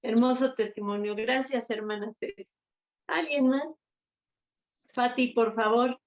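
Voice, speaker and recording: Woman, class leader, slow affirming speech, higher voice, distant lo-fi sound. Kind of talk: leading a Bible study class.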